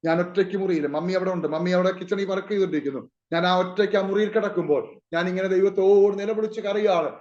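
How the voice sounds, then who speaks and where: A man's voice: sits high, steady tone, fast talker, hardly any pauses, darkish tone, reverberant. Male pastor, emotional testimony preaching, dull lo-fi recording. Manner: emotional, calls out to the congregation often. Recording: muffled lo-fi recording.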